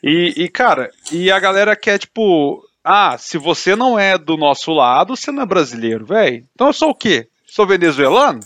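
A man's voice: high-pitched, big pitch swings, brisk, few pauses, fairly bright tone, no room sound. A man in casual podcast chat, talking in a heated, indignant way and filling his speech with slang.

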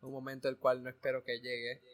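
A man's voice: medium pitch, monotone, quick pace. A young man with a plain, mid-range voice chats easily with a friend. He jokes, laughs at himself and keeps stumbling over words before pushing on. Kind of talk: casual chat.

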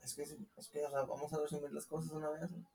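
A man's voice: a little high, flat delivery, fast, creaky, recorded from a distance, crowd noise. A man with a Mexican accent, co-hosting a casual chat, teasing and slangy with plenty of swearing. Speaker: podcast co-host. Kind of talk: casual chat reviewing dating profiles.

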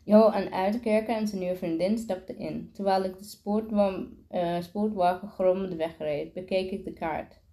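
A woman reads a children's novel aloud in a mellow, warm voice at a middling pitch. She stumbles often, breaking off words and starting them again. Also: fairly even intonation, normal speed, few pauses. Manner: stumbling reading with frequent restarts.

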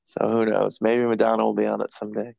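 Man, low gravelly voice, dry close sound, rambling casual podcast host, self-deprecating. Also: completely flat delivery, fast talker, darkish tone, no room sound. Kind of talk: casual chat.

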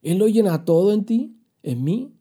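A man's voice: high-pitched, big pitch swings, normal speed, warm tone, husky. A man preaching on a podcast, earnest and confessional, posing rhetorical questions and answering listener questions.

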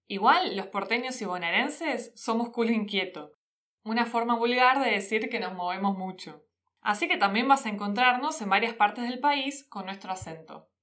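A woman's voice: on the high side, normal speed, a bit bright. A woman with a Rioplatense Argentine accent, a podcast host teaching Spanish in a casual, friendly explanatory way, using informal address and local slang. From Argentina, Buenos Aires province.

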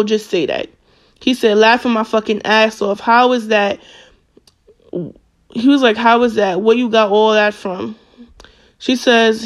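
Vlogger reading out text msgs, laid back and slangy, lots of ums and you feel me. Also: medium pitch. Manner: casual and slangy with frequent fillers and self-corrections. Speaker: social media commentator. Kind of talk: casual storytime, reading text messages aloud.

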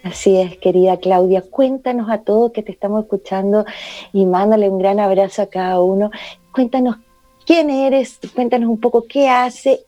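A woman hosting a radio talk show on emotional health, speaking slowly and with effusive affection. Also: medium pitch, steady tone, warm tone, no room sound, lo-fi sound, soft background music. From Chile. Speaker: radio host.

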